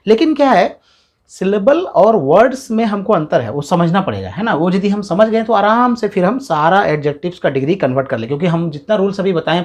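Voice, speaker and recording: A man gives a step-by-step video grammar lesson. His pitch swings widely as he talks, and he drags out syllables to sound them out. He often checks in with his listeners. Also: a little mellow. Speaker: English grammar teacher. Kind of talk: classroom-style video lesson.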